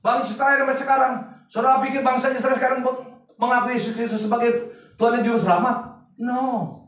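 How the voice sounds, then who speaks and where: Pastor preaching in an echoey hall. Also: male voice, very high voice, flat delivery, fairly quick, far from the mic. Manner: chatty, swings from loud to hushed asides. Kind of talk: sermon. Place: large church hall.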